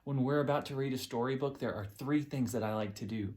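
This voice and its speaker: A children's storytime presenter talks in a classic kindergarten teacher voice. The delivery is simple and encouraging, with questions for very young listeners and key words stretched out. The pitch sits in a middle range. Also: brisk, a little mellow, a little hiss or hum. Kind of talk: children's storytime, teaching, reading aloud and singing.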